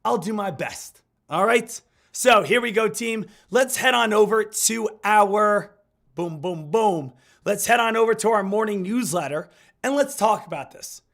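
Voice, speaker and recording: A man with a hoarse smoker's rasp, getting over an illness, hosting a high-energy live stream about stock trading. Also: a little slow, a bit bright. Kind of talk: hyped live stream market commentary.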